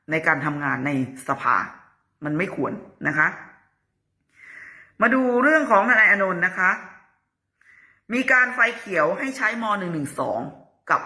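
A woman's voice: sits low, pushed and bright. A woman hosting her own channel, chatting through the news in a casual, opinionated way and asking pointed questions. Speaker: political news commentator.

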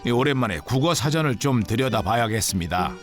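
A man's voice: medium pitch, animated, fast, over loud music. A man with a Jeolla accent narrating a documentary in a chatty, exclamatory way. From Jeolla, Korea.

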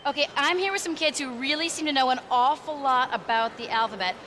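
A woman's voice: high-pitched, a little fast. A woman interviewer putting questions to children and confirming their answers. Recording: noisy public space ambience.

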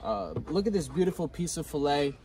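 A man's voice: on the high side, very animated, brisk, warm tone. A man hosting an outdoor cooking vlog, upbeat and saying y'all a lot. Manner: upbeat, says y'all often. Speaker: vlog host. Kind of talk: casual vlog chat.

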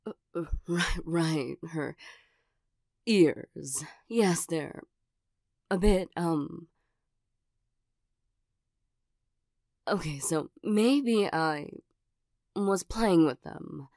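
A woman playing a flustered, nervous cat creature in a soft-spoken ASMR role-play, speaking hesitantly with stammers. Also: lowish voice, animated, very slow, pauses often, no room sound, studio quality, full character voice. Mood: sheepish.

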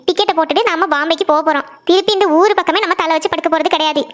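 A woman's voice: very high voice, very fast, lo-fi sound. A woman voicing a worried, strict mother of a teen girl in a cartoon, with a scolding, anxious manner. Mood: stern.

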